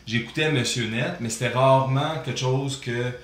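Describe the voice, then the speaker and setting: A podcast co-host from Ontario, Canada, chats casually in a medium-pitched voice at a moderate pace. He sounds hesitant, often repeating words while he thinks, and the recording has an echoey room with faint background noise.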